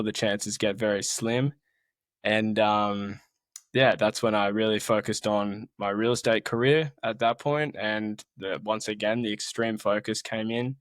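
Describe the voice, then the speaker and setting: Speaking with an Australian accent in a fairly low voice, a young man who is a mountaineer shares his life story as a guest in an easygoing interview. He comes across earnest and laid-back, and there's no echo on the recording.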